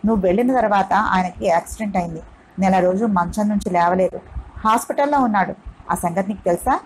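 A frank, lively young woman in a storybook reading, voiced by a woman narrator. She talks briskly, teasing and scolding her friend. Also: medium pitch, slight background noise, natural voice, low-quality recording.

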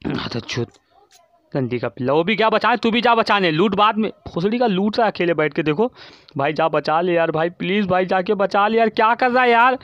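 A man giving profane, frantic commentary while playing an online shooter, constantly shouting at his teammates, recorded on a dull lo-fi mic. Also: high voice, lively intonation, fairly quick, dry recording. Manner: swearing, yelling at teammates. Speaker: gaming streamer.

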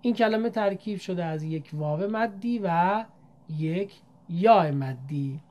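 A woman teaching Quran reading, speaking politely and formally to learners and drawing out each demonstrated syllable in a measured way. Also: on the low side, lively intonation, dark tone, highs cut off. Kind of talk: recitation lesson.

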